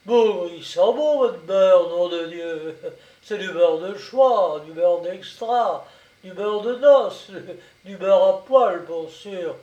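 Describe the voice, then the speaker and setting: Man voicing a rustic gendarme sergeant, blustering, mocking, slightly high voice, heard from a distance. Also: slow, highs cut off. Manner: loud, bellowing orders, rustic speech. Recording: echoey room, voice set back.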